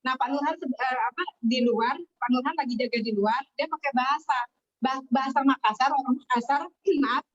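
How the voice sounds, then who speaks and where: High-voiced woman telling a lively story. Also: fairly quick. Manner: animated, acts out quoted voices. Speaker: guest telling her success story. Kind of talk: casual storytelling. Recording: distant, dull lo-fi webinar audio.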